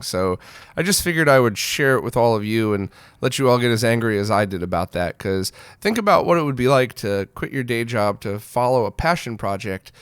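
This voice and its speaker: A man with a smooth, medium-pitched voice hosts a retro gaming news show, running through a roundup in a casual, blunt and opinionated way. He speaks informally, straight to viewers, and the audio has no room sound.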